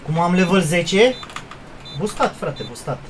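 A man calls the shots in a team shooter game and keeps firing crude insults at his teammates, his pitch leaping all over the place as he shouts. Gunfire and game noise sit clearly under his voice on this busy stream. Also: lively intonation. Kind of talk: profane live gaming commentary. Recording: noisy stream audio with gunfire behind.

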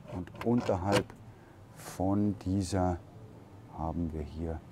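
A low-voiced man wanders through a camper van at a trade fair hall, giving an easygoing tour and musing out loud along the way. The background is noisy.

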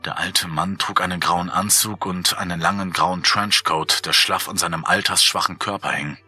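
A man reading a horror story aloud as an audiobook narrator, in a calm, measured, somber way. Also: low-pitched, husky, faint music behind.

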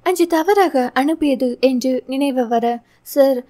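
High-voiced woman reading a novel. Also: a little slow. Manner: steady storytelling reading. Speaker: audio novel narrator. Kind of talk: scripted romance novel narration.

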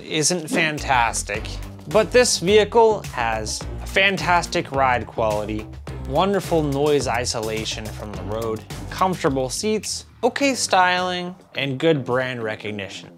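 A thirtysomething man with a fairly high, fairly bright voice hosts a car review show, speaking to camera from a small home office room full of computer monitors. His casual, scripted-list review wanders into asides, delivered loosely and tipsily with stumbles and drawn-out words. He wears a lavalier clipped to his shirt, and music plays in the background.

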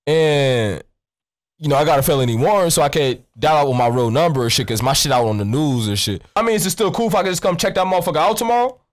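A young adult American streamer with a high voice talks fast and rambles nonchalantly in street slang, swearing freely during a prank call. He sits indoors at his streaming desk, headset on, speaking close into a studio mic with a pop filter.

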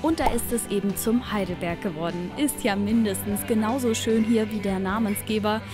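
Medium in pitch and moderate in pace, a young woman's voice narrates a travel TV segment with a light, chatty feel. The scripted voice-over comes with clear music underneath.

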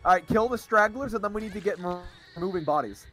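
A man's voice: sits high, fast talker, a bit bright, faint music behind, low-quality recording. A young man chatting casually in an online game, organizing his group. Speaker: online co-op gamer, directing the group.

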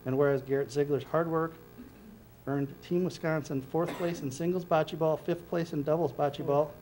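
A man's voice: fairly high pitch, steady tone, normal speed, warm tone, slight background noise, poor audio. A middle-aged man leading a village board meeting, reading formal proclamations at a podium and correcting small slips as he goes. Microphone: podium microphone.

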